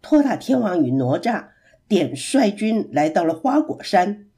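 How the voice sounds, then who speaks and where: A woman telling a children's story, dramatic and expressive. Her pitch rises and falls widely, over a mellow, warm tone. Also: a little slow, slightly rough.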